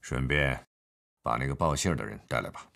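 An actor playing an arrogant, corrupt male magistrate in a historical TV drama, speaking in a haughty, unhurried way. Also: very deep voice, gravelly, pushed and bright, heavily acted. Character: corrupt magistrate, lazy, arrogant, older man. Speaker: official.

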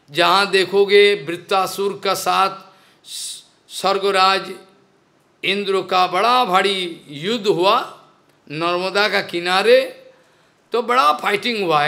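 A man's voice: high voice, vocal fry, sharp tone. A man giving a devotional lecture, telling a story and explaining it step by step, repeating his phrases and slipping in English words. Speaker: spiritual teacher.

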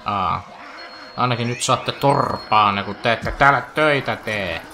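A man's voice: medium pitch, gravelly, pushed and bright, slight background noise. A man giving chatty, joking let's play commentary over a video game, with playful asides. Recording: faint game music behind.

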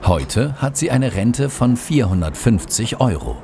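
A man's voice: mid-range voice, big pitch swings, unhurried, vocal fry, dark tone, a little hiss or hum. A man reading scripted documentary narration as a studio voice-over.

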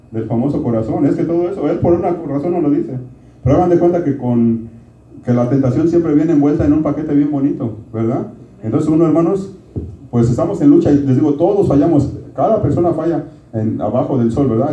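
A middle-aged male pastor preaching in a quick, conversational way, often checking in with his listeners. His voice is very dark and mellow. It sounds distant and roomy, with a dull, lo-fi quality. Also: a little high. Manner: conversational preaching, keeps asking "¿verdad?" and addressing "hermanos". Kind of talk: sermon.

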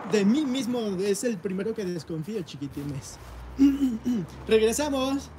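A man's voice: high-pitched, animated, unhurried, warm tone. A father, hosting a casual family livestream, playful and teasing with his kids. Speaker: father and vlog host. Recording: echoey room with clear noise.

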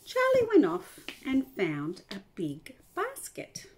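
A woman's voice: on the high side, wildly swooping pitch, slow pace, noisy background. An older woman reading a picture book aloud to children, stopping to talk about the pictures. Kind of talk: storybook read-aloud to children.

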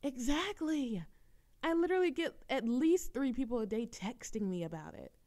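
In an audio roleplay, a woman voices a playful, dramatic young woman teasing her best friend, her voice high and her speed normal. She complains animatedly with theatrical exasperation, keeping it chatty, wry and intimate like a real conversation.

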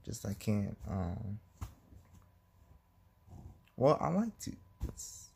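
A man's voice: lowish voice, sing-song, drawn-out words, creaky, a little mellow, a little hiss or hum. A man talking to the camera in a casual, rambling vlog, hesitant and giggly, with many restarts, recorded on a phone. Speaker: vlogger.

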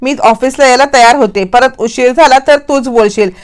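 A woman's voice: high voice, moderate pace, clean tone, natural voice. A woman voicing a feisty young wife who snaps back and scolds in a domestic squabble. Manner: snappy, scolding retorts.

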